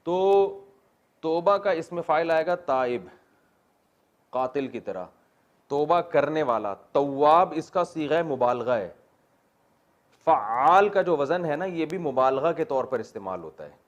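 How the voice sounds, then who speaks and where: A man's voice: a little high, expressive, long pauses, lo-fi sound. A man teaching a Quran exegesis class, explaining Arabic grammar and putting questions to his students with joking asides.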